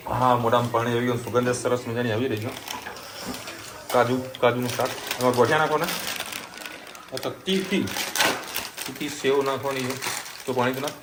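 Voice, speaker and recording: A man's voice: medium pitch, level tone, fairly quick, long pauses. A man chatting casually in a family vlog from his home kitchen, in a reassuring way. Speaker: vlogger. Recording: echoey room, noisy background.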